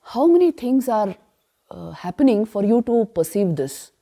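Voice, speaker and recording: A woman leads a scripture class at a retreat, and her voice sounds warm and mellow. She asks rhetorical questions and answers them herself with firm emphasis. Now and then she slows down to chant the verses. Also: mid-range voice, sing-song. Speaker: spiritual teacher.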